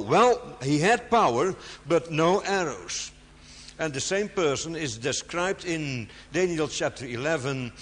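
A man preaching to an audience, stressing key words with sharp rises and sometimes pausing with fillers to find his words. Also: mid-range voice, slight background noise. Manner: halting, searches for words with fillers. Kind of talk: sermon. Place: large hall before an audience. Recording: long hall reverb.

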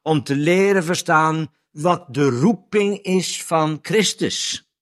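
A man teaching from the Bible in an easy, talkative way. His voice sits a little high for a man, and he slows down and stresses words when he reads the verses aloud. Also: fairly bright tone. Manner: conversational, tag questions after points; reads scripture slowly with emphasis.

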